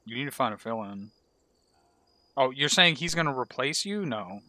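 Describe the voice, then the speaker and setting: A man's voice: mid-range voice, lively intonation, moderate pace, bright, forceful tone, no echo. A man talking casually as he leads a squad during gameplay. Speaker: gamer commanding a squad. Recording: faint background noise.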